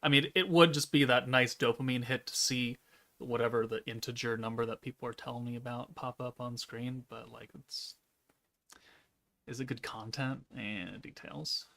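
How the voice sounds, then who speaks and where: A man in his thirties streams a game from home, chatting casually and reading chat aloud in a flat, deadpan monotone. He's a gaming streamer with a mid-range, creaky voice, talking at a normal speed in a laid-back way.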